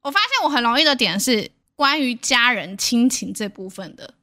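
A young woman, co-hosting a podcast in a relaxed way, laughing and adding small agreeing sounds. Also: fairly high pitch, moderate pace. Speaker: podcast co-host. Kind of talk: casual chat.

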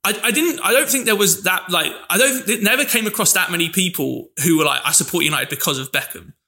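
A man's voice: sits high, expressive, fast, gravelly, pushed and bright. A man, reminiscing easygoingly as a podcast co-host. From London, England. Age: 20s. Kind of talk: casual chat.

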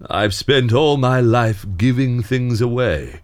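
In an audio drama, a man voices a weary, sentimental Santa Claus who has a grumpy, mischievous streak and a wistful, dry manner. His voice is natural and medium-pitched, his delivery slow, and the mood dryly mischievous.

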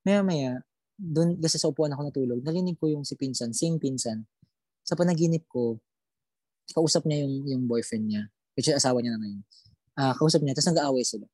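Mellow, husky young adult storyteller. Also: mid-range voice, dry recording. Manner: halting, repeats words while recalling details. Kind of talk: casual spoken ghost story.

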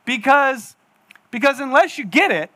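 A pastor in his forties preaches in a church hall with an extremely high, bright, forceful voice at a normal pace, very animated. He's chatty and self-mocking, acting out little asides as he tells his stories.

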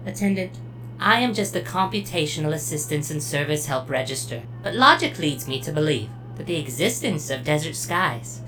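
A woman's voice: low voice, a bit bright, low-quality recording. A woman playing a polite, logical computer cash register in an audio drama, speaking formally and precisely. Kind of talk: scripted audio drama acting. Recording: clearly audible humming noise.

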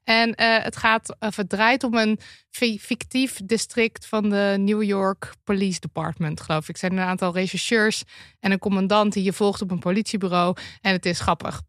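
A woman co-hosting a casual podcast, her voice sitting at an ordinary middle pitch. She talks in a chatty way, thinking aloud and pausing on filler sounds. The sound is dry and close. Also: steady tone, fairly bright tone, dry recording. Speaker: podcast co-host.

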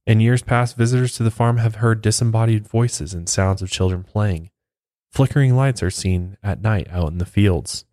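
A man's voice: lowish voice, moderate pace, mellow, dry recording, clean studio sound. A man telling a local ghost legend in a casual, chatty way, with off-the-cuff asides. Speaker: storyteller host. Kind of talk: casual spoken storytelling.

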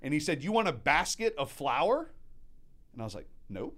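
His voice sits on the high side and moves at a normal speed. This guest, a thirtysomething restaurant manager born in Mexico and raised by American parents, tells casual stories about running restaurants, acting out quotes with animation.

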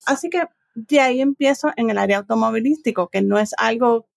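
A middle-aged woman from Puerto Rico, a business owner and trainer, answers conversationally as an interview guest in a Puerto Rican accent. Her voice is on the high side with vocal fry, and she speaks briskly. The studio sound is clean, with no room noise.

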